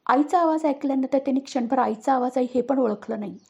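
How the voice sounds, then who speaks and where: A woman narrates a story with a dramatic, expressive delivery. Her voice sits fairly high, gravelly and husky, with a mellow tone. The recording is slightly dull. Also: fast.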